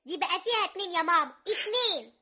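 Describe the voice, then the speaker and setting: A cheeky, chatty little Egyptian girl in an old radio play. Her voice sits very high and sounds bright and sharp. She rattles off her lines at a quick clip. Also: animated, full character voice. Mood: pert, chatty.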